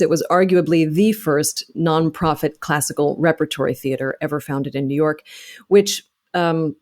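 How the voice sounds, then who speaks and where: A woman in her thirties, an actor and author, is a guest in a conversational interview, telling stories. Her voice is low and a little mellow, and she explains things articulately, in detail, and with passion.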